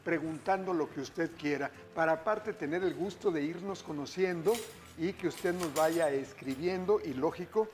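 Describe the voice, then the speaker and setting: Cooking in a studio kitchen, a middle-aged TV host demonstrates a dish and chats cheerfully with his audience, whom he keeps calling "familia." His voice is a little high and has vocal fry.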